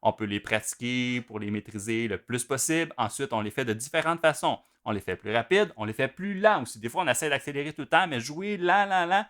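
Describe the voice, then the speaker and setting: A man walks through drum exercises one step at a time. His voice is bright, with an average pitch, and his manner stays patient and methodical. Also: animated, fairly quick, few pauses. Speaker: drum teacher. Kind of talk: instructional video explanation.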